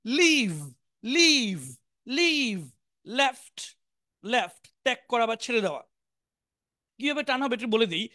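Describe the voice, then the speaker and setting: A woman with a Bangladeshi accent teaching an online spoken English lesson, drilling each word slowly and repeating every form. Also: on the high side, animated, pushed and bright.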